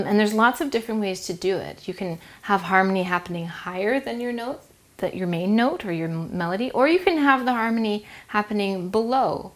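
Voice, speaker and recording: A woman and music educator, talking in a playful, friendly way and laughing easily as she teaches. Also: mid-range voice.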